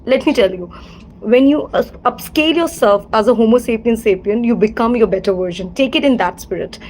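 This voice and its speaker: Speaking briskly in a somewhat high, slightly mellow voice, this Indian English-accented woman runs a livestream as a casual monologue. Her talk wanders, loops back to familiar stock phrases, and is full of fillers, with slight background noise behind her.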